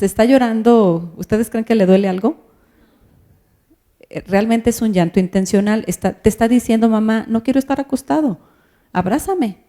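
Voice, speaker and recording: Woman giving a talk to parents, soft mellow voice, asks the crowd stuff as she explains. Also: medium pitch. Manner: explanatory, asks the audience questions. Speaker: speaker on child language development. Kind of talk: lecture to parents.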